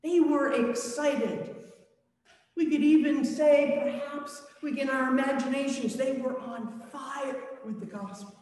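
A woman's voice: sits high, fairly even intonation, measured pace, darkish tone. A woman priest preaching a sermon in a church, telling the story in a reflective way. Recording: echoey church, mic far off.

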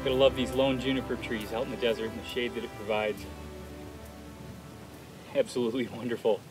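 Man, mid-pitched, casual and reflective, narrating a solo hike outdoors on a camera mic. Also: flat delivery, brisk, over music. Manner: easygoing, rambling, reflective, with frequent "uh" and "like". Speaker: solo thru-hiker filming his trip. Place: outdoors in open desert.

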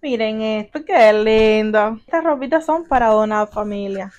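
Her voice on the high side and a little mellow, a young Cuban mother speaks at a normal speed in a Cuban accent while unboxing gifts at home. She gushes, exclaims and keeps referring to viewers as family in this casual vlog. The highs are cut off in the recording.

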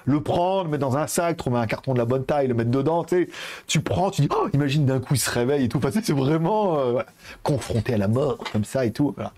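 A man's voice: mid-range voice, expressive, fast talker, darkish tone. A young man chatting casually with viewers while hosting a live-stream giveaway, rambling and informal, with lots of fillers. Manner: addresses viewers directly.

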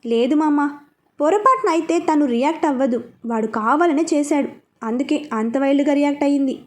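A woman's voice: high-pitched, brisk, a little mellow, natural voice. A woman doing a cocky, teasing young man. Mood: matter-of-fact. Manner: mocking, teasing.

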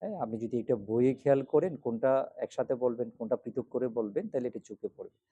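A man, a Buddhist monk, teaching the correct pronunciation of Pali precepts, slowly repeating each phrase several times. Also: medium pitch, dark tone, husky, dry recording, muffled recording. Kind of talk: recitation lesson.

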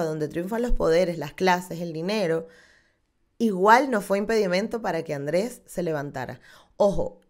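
Woman, 30s, podcast host, slightly low voice, expressive, close studio mic. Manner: animated, gestures a lot with her hands. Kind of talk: casual podcast outro. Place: small room with dark wall. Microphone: studio condenser mic on stand.

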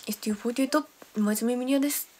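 Woman doing a chirpy young idol introducing herself, high and bright. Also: racing, lightly acted. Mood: cheery greeting. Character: young female idol's self-introduction greeting.

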